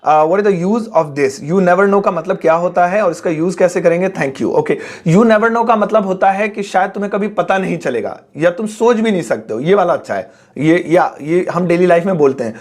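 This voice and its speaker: A man's voice: high-pitched, moderate pace, hardly any pauses. A male English teacher reading out viewers' questions and explaining the answers patiently with everyday examples. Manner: reads each comment aloud, then explains it patiently with everyday examples.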